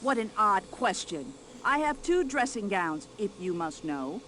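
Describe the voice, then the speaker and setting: An actress voicing an older American widow in a video game, brash, nosy and quick to complain. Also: female voice, mid-range voice, very animated, a little hiss or hum. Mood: gossipy. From United States. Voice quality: loud, sharp-tongued and complaining.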